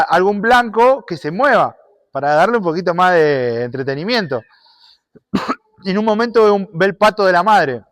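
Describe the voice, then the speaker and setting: Animated preacher man. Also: sits high, dry recording. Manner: animated storyteller, shifts between loud and soft. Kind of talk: sermon with storytelling.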